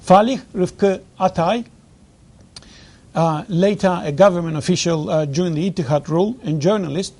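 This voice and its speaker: A man delivers a historical lecture to a conference audience, earnest and halting. His voice sits high and carries a gravelly rasp. He stumbles through fillers and restarts but leans heavily on the words he wants remembered. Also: a little mellow. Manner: earnest, stresses key words. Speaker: conference speaker.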